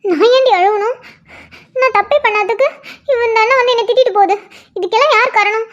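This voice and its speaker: A woman voicing a feisty, defiant schoolgirl in a cartoon, giving sharp, indignant retorts. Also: extremely high pitch, fairly quick. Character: feisty defiant schoolgirl, quick to fight back. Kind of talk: cartoon voice acting. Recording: dull lo-fi audio.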